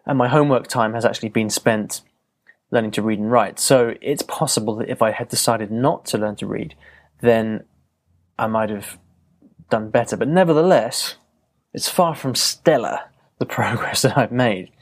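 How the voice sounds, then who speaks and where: A man with a medium-pitched voice talks at a moderate pace, hosting a podcast by himself. It's a casual solo monologue, reflective and loose, with frequent fillers and restarts.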